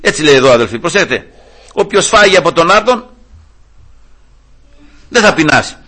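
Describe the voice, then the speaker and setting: A middle-aged man preaching a fervent sermon, retelling scripture scenes with voiced quotes and swinging from high emphatic pleas to low murmurs. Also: big pitch swings, sharp tone, breathy edge.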